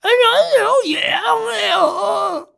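A man voicing a disguised beggar whose voice is ruined, in a strained, high, drawn-out cry. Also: exaggerated voice. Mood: rasping. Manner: strained shouting falsetto, drawn-out. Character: disfigured beggar man with ruined, charcoal-burnt voice.

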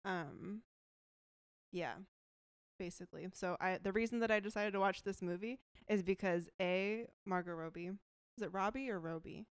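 Bubbly woman with a smooth voice. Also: mid-range voice, moderate pace, no echo. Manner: bubbly, filler-heavy. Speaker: podcast co-host. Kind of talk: casual movie chat.

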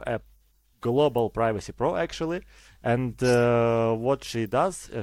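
A man of middle pitch hosting a podcast and interviewing a guest. He talks hesitantly, pausing and restarting often, in a dry, close recording. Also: a little mellow, dry recording. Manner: hesitant, many fillers and restarts. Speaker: podcast host.

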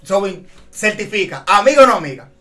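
A man, co-hosting a podcast in casual chat and telling an animated story. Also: sits high, moderate pace, soft background music. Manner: storytelling, animated, laughs often. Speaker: podcast co-host.

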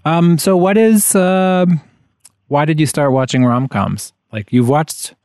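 A man's voice: on the high side, takes it slowly, a little mellow, smooth, no echo, clean studio sound. A man co-hosting a podcast with casual, tongue-in-cheek banter, recorded outdoors in a backyard. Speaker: podcast co-host. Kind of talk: casual chat.

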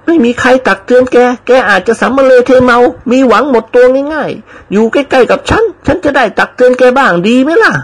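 Bossy old noblewoman, put on by a man; high, stern, commanding. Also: animated, fairly quick, hardly any pauses. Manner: scolding, commanding. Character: bossy older noblewoman, stern but caring.

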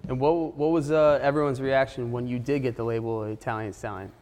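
A man's voice: mid-range voice, steady tone, a little fast, darkish tone, long reverb tail. A man hosting a podcast, eagerly asking his guest questions and repeating phrases. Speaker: podcast host. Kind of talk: interview questions.

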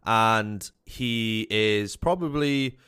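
A man's voice: on the low side, drawn-out words, sharp tone, clean tone. A young man with a South Welsh accent hosting a podcast, chatting in a casual interview style with lots of fillers and repeated words. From South Wales. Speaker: podcast host.

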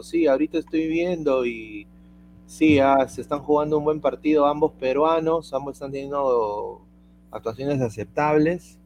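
A man's voice: mid-range voice, a little mellow, slight background noise. A man hosting a casual football livestream, reading viewer comments aloud. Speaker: livestream host.

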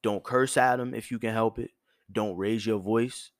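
A man's voice: on the low side, fairly even intonation, moderate pace, no echo, clean studio sound. Blunt, profane man lecturing firmly. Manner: firm yet soft tone. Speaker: host. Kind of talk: direct advice monologue.

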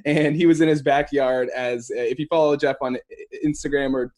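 A man hosting a casual podcast, talking in a halting, rambling way and often correcting himself. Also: mid-range voice, steady tone, darkish tone. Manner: halting, rambling, laid-back phrasing full of hedges and self-corrections. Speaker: podcast host.

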